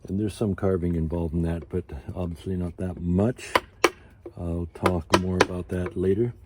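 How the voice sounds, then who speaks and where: A man in his sixties with a very low voice talks through a hands-on demonstration in an informal vlog style. He explains things in an unhurried, halting manner and drifts into asides. There is clear background noise around him, as in an outdoor canopy workshop. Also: steady tone. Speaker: ventriloquist and puppet carver. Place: outdoor canopy tent used as carving workshop.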